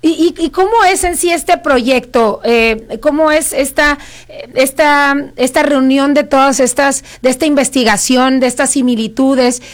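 A woman's voice: high-pitched, unhurried. A woman interviewing a guest artist, affirming and repeating her questions. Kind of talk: event interview.

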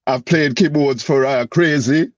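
A man's voice: mid-range voice, unhurried, a crowd in the background. Modest man, muffled and dull. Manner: humble, admiring. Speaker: guest keyboard player. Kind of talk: casual talk.

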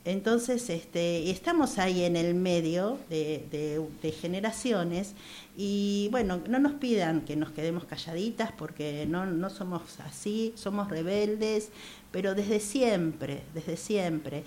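A woman's voice: on the low side, slow pace, darkish tone, a little hiss or hum. Earnest Argentine woman in her sixties. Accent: Argentine Spanish. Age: 60s. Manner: earnest, emphatic, repeats phrases, many hesitations. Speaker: guest, activist for older women. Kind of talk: radio interview.

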